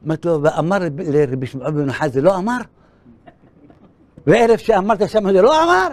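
A man's voice: on the high side, animated, a little mellow, slight background noise. An older man, a rabbi, giving a sermon, telling a story and acting out the dialogue in a raised voice. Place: school hall.

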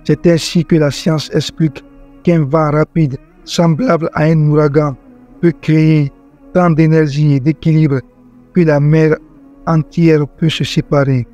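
A man tells a religious story in a measured, earnest scripted narration, his voice sitting a little high for a man yet mellow and warm. Quiet music plays softly behind him. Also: flat delivery. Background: faint background music.

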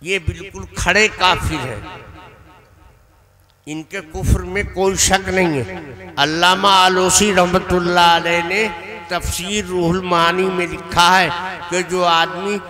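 A man's voice: high voice, fairly even intonation, slow pace. A man preaching at a religious gathering, telling stories and acting out retorts in his own quoted speech. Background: crowd.

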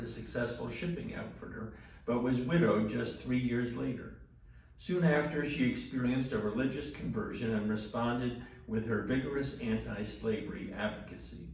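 The voice of an older man, a rector, reads steadily from a book while leading morning prayer in a small chapel. He has a medium pitch, and the recording carries a little hiss or hum. Heard from a camera well away from him, he sounds distant amid strong echo.

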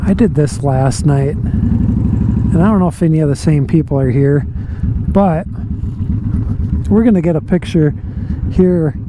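A man's voice: a little high, unhurried, long pauses. An American man chatting casually as he rides a motorcycle, talking from inside a helmet behind a face shield. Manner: mildly swearing, self-deprecating. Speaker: motovlogger. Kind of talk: casual chat while riding. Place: outdoors on a motorcycle on night city streets. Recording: engine and traffic noise behind.

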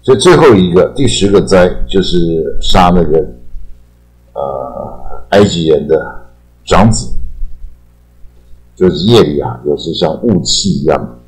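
Deep-voiced older Taiwanese man teaching. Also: animated, darkish tone, rough recording. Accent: Taiwanese Mandarin. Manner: chatty, drawn-out sentence-final particles. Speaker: English teacher. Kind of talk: casual explanatory lesson.

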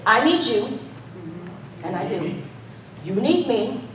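Standing on an indoor church stage before her congregation, a middle-aged American woman delivers an animated, conversational call-and-response sermon, addressing the listeners directly in a folksy, emphatic way. Her voice is a little high, bright and sing-song, and her pace is slow. A distant mic picks her up in an echoey hall amid audience murmur.

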